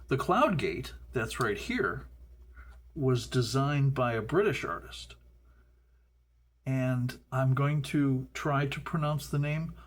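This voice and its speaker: A middle-aged man from Chicago hosting a casual building video, rambling and stumbling over words with folksy asides. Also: medium pitch. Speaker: host.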